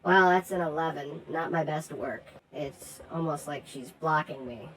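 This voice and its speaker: A woman playing a tabletop game, blunt, excitable and freely swearing. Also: deep voice, measured pace, rough recording. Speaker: player.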